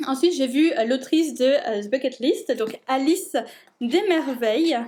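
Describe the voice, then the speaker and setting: A young woman chatting casually and excitedly as a book vlogger, full of fillers and restarts. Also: high voice, a little slow. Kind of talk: casual chat.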